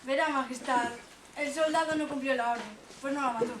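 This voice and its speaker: A woman's voice: high-pitched, steady tone, brisk, lightly acted. A young woman playing a deferential magic mirror servant in a school fairy-tale play, speaking politely and formally. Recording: echoey, distant stage, loud audience noise.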